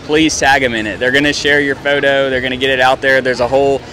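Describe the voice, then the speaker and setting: A young man hosting a casual interview, upbeat and quick to agree. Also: medium pitch, little pitch movement, sharp tone. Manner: upbeat, agreeable, frequent short affirmations. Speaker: hunting show interviewer. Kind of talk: casual interview at a trade show booth. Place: busy trade show hall, indoors. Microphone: handheld mic. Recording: noisy crowded trade show hall. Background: crowd chatter.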